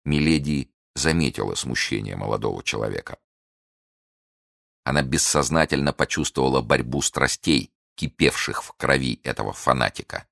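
A male audiobook narrator with a very deep, low voice, reading in a measured, expressive way. The sound is dry and close, with no room around it. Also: gravelly, no room sound.

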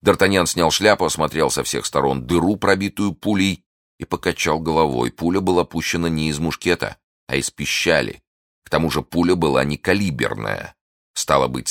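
Very deep-voiced male audiobook narrator. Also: fairly bright tone, dry recording, studio quality. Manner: measured storytelling reading. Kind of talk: scripted narration of a classic adventure novel.

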